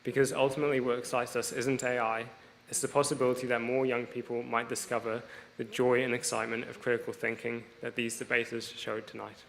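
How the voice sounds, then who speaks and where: A man delivers earnest, steady closing remarks on behalf of a sponsor. His voice is gravelly and flat in melody. It echoes in a long hall reverb with faint noise behind it. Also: medium pitch, a little fast, hardly any pauses. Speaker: sponsor representative. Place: large debating chamber.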